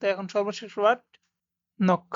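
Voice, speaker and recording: A woman teaching a pronunciation lesson, saying each word slowly and repeating it for learners to copy. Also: medium pitch, fairly even intonation, no echo. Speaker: German language teacher. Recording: dull lo-fi sound, dry.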